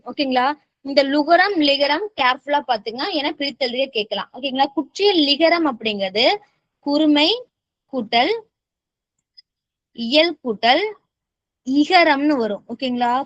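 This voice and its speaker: A woman's voice: sits high, dry recording. A woman teaching a grammar lesson. She keeps checking in with her students and mixes English words into her explanations. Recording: dull, slightly muffled sound.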